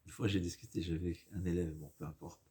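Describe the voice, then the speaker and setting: Low-voiced man teaching in foreign-accented French. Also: fairly even intonation, dark tone. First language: not a native French speaker. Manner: halting, repeats and rephrases for emphasis, mixes in Hebrew quotations. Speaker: rabbi giving a religious lesson. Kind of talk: informal Torah lecture.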